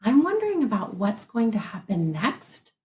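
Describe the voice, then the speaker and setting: In a reverberant space, a woman teacher shares a picture book with young children. Her medium-pitched reading is expressive and unhurried, broken by pauses where she muses and thinks aloud.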